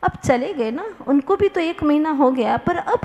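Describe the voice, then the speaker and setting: A woman, a Jain nun, giving a devotional sermon, chanting verse slowly and then telling a parable in which she acts out both speakers. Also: high voice, animated, a little mellow, long reverb tail, highs cut off.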